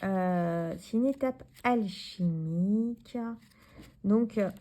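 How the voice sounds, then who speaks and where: A woman's voice: medium pitch, very slow, mellow. A woman in her forties from France, chatting casually to the viewer as she shows her tarot decks, rambling with many fillers and restarts. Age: 40s. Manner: talks to the viewer directly, handling cards. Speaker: tarot YouTuber. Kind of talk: casual deck review vlog.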